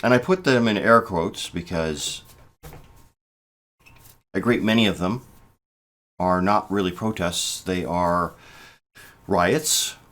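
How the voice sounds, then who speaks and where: A man in his fifties speaks in a fairly low voice, giving political commentary straight to camera. He talks in a measured, halting way, restarting phrases and leaning hard on key words. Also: a bit bright. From United States. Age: 50s. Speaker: political vlogger. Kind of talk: casual spoken commentary.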